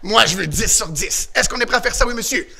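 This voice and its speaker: A man coaches a children's karate class with shouted commands and call-and-response. His voice sits high and bright, with a gravelly edge and a husky grain. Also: animated, fast, faint music behind. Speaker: karate and kickboxing instructor. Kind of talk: energetic class instruction for children on video.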